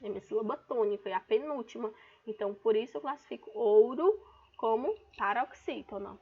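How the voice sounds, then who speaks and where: Brazilian woman teacher, explains step by step and calls out stressed syllables, a bit high-pitched, muffled lo-fi recording. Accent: Brazilian Portuguese. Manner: explanatory, stresses syllables by calling words out loud. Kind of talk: online class lesson. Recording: dull lo-fi recording.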